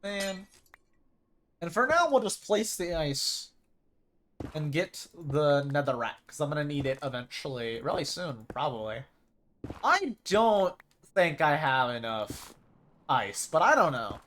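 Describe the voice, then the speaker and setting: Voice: medium pitch, very animated, measured pace, fairly bright tone, a little hiss or hum. A streamer rambling and thinking aloud over live gameplay in casual chat.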